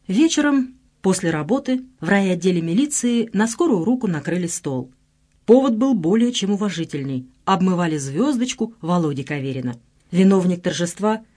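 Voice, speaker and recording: A narrator reading a novel aloud in an expressive, dramatic way. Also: medium pitch. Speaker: audiobook narrator. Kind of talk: scripted narration.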